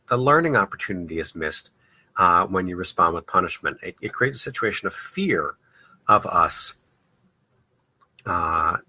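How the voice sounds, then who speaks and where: A man's voice: low-pitched, sharp tone, husky. A man hosting a parenting podcast, giving advice in a loose, conversational way with frequent "uh" and "you know" fillers. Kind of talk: advice talk.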